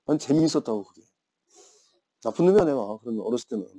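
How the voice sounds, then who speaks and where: A man's voice: medium pitch, animated, fast, mellow. A man in his fifties teaching an English grammar class, telling playful stories and teasing his students. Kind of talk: classroom lecture with chatty anecdotes.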